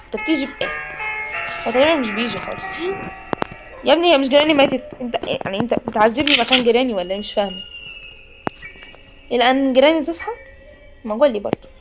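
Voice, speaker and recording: Woman, Egyptian Arabic accent, high voice, fast talker, horror game commentary, playful, game music behind. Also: lively intonation. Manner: chatty, jokey, talks and pleads with the game. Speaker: gaming YouTuber.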